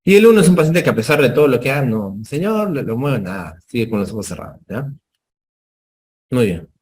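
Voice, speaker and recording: With a mid-range, expressive, darkish voice, a fast-talking medical lecturer walks through his material step by step. He often ends lines with tag questions and dramatizes quick patient exchanges.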